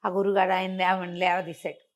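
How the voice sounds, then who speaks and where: Here the storyteller talks fast in a lowish voice that barely moves in pitch. She recounts a moral folk tale in a conversational way, stopping to explain, leaning on repetition for emphasis and voicing the dialogue along the way.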